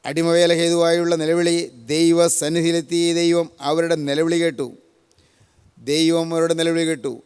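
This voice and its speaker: Solemn older preacher in echoing hall. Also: male voice, fairly high pitch, little pitch movement, normal speed, a little mellow, clear, resonant tone. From Kerala, India. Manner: solemn, repetitive, builds lists of parallel phrases. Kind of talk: sermon. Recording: long hall reverb.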